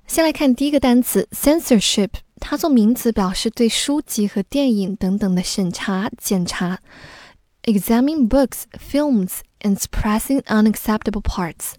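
A woman gives a careful, scripted vocabulary lesson, going over each word clearly. Her voice sits a little high, with a mellow, warm tone. It is recorded close up in a dry, dead room. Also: lively intonation, no room sound. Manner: explains words slowly and clearly, mixing in English. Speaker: English teacher.

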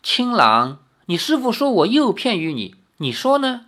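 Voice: medium pitch, huge pitch swings, unhurried, a bit bright, voice pushed up. A storyteller voicing a sly young demon woman who teases and scorns, in a storybook reading. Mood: teasing. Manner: teasing, coy, scornful.

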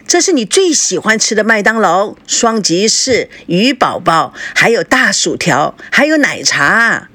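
Lady doing a doting blustery middle-aged dad, sing-songy coaxing, kinda husky. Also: mid-range voice, big pitch swings, unhurried, few pauses, bright, forceful tone, no room sound, full character voice. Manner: coaxing, sing-song, grumbling.

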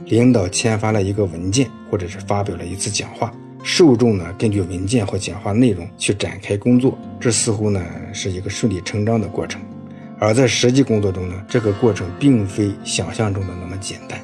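A man's voice: fairly low pitch, a little fast, a little mellow, soft background music. A man giving a scripted audio lecture on writing, in a storytelling tone, padding his phrases with filler particles. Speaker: writing instructor.

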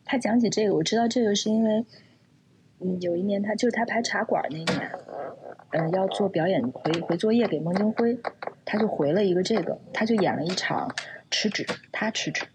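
A woman hosting a conversational interview, asking questions in a thoughtful, gently probing way. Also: mid-range voice, a little fast, background noise. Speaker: host.

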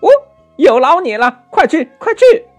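A hot-headed monkey hero in a children's storybook, shouting high and impatient, voiced by a male narrator. He barks his lines with a slow, deliberate drawl, soft music playing behind. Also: big pitch swings. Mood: fiery, impatient. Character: brash heroic monkey king, male, quick-tempered.

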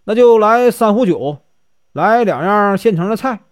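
A cheeky, eccentric wandering monk who toys with everyone around him, put on by a male storyteller. His voice leaps up and down with animated pitch, set a little higher than usual. The sound is close and dry. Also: a little slow, no echo. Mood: teasing. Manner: mocking, playful back-and-forth. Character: Jigong, scruffy eccentric wandering monk, sly and teasing.

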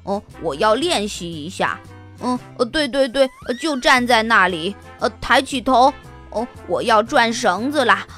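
A woman voicing an eager little male hamster who dreams of being a cowboy, with excited, squealing exclamations. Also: on the high side, measured pace, soft background music.

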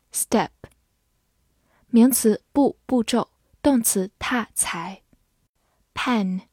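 A woman teaching English vocabulary, reading each word twice with its meanings in a measured scripted lesson. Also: fairly high pitch, a little mellow, no echo, clean studio sound. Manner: reads each word twice, then part of speech and meaning.

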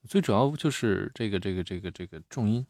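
A man's voice: lowish voice, brisk, a little mellow, no echo, studio quality. A man giving a live critique of students' reading aloud, talking plainly and repeating words as he searches for the point. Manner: plain-spoken, repeats words while thinking. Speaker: reading coach.

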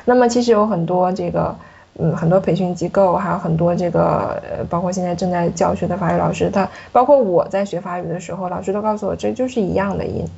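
Woman, low husky voice, patient French pronunciation teacher, dull lo-fi sound. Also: quick pace, dark tone. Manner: patient, explanatory, demonstrates sounds. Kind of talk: pronunciation lesson.

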